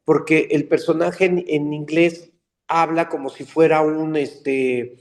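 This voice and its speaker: An older man, a dubbing actor telling stories in a casual interview, animated and slipping into character voices. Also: fairly high pitch, slow. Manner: animated, slips into character voices mid-story. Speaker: voice actor and dubbing director guest.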